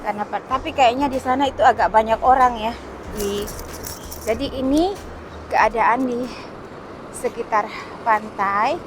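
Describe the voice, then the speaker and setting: With noisy background around her, a middle-aged eastern Indonesian travel vlogger from East Nusa Tenggara strolls a beach and chats casually. Her voice is a little high and a little slow, pausing often, with frequent "eh" fillers and short laughs.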